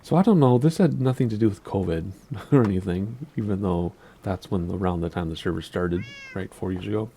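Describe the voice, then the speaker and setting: Gravelly low-voiced Minnesotan man. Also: fairly quick, few pauses, mellow, slight background noise. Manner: rambling, asks himself questions aloud. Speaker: Minecraft YouTuber giving a base tour. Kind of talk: casual gameplay commentary.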